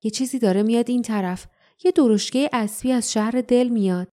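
Wary young girl as a woman reads her, high-pitched, hushed urgent warnings, mellow tone, storybook audiobook. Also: natural voice.

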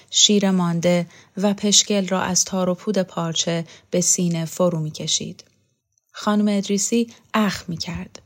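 A woman narrating a novel in a calm, measured voice that is steady and unhurried. At moments her reading drops to a hushed near-whisper. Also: on the low side. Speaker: audiobook reader.

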